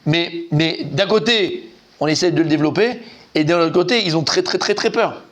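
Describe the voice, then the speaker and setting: A man giving an informal, animated Talmud class, quizzing his students and repeating key points. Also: a little high, normal speed. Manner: lively, animated, asks students questions, repeats himself. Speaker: rabbi teaching Talmud.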